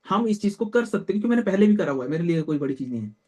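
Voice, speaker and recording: A man's voice: sits high, very animated, racing, darkish tone. Blunt young man leading a team meeting. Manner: direct and blunt, peppers talk with "theek hai"; addresses listeners as brother. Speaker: team leader. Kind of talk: motivational team meeting talk.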